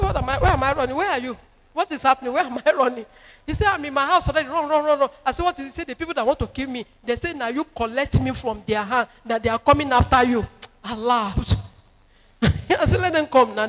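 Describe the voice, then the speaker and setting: A woman with a Nigerian English accent preaching a sermon as a prophetess, emphatic and repetitive with sing-song rises. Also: high-pitched. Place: church. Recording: long reverb in a church hall with music.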